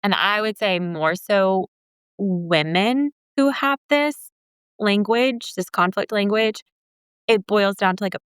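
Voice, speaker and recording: A young woman co-hosting a relationship podcast, drawing on her counseling work. Her voice is smooth and clean, recorded close and dry, and she keeps a quick, animated conversational flow. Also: medium pitch, no echo. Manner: animated, fills speech with "like". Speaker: podcast co-host and couples counselor. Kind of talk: casual podcast chat.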